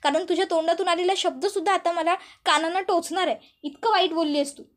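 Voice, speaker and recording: A woman voicing an angry middle-aged aunt who shouts and accuses while retelling a serial episode. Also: extremely high pitch, quick pace.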